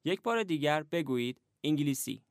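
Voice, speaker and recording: A man narrating a language lesson, giving measured, even instructions in a scripted way. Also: a little high, clear, resonant tone, dry recording, studio quality.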